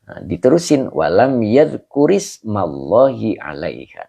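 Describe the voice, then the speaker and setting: Man, religious teacher, video call lesson, gravelly, dark tone, patient explaining. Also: lowish voice, big pitch swings, slow pace. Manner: patient explaining, answering students by name, chuckles. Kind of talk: online Arabic grammar lesson.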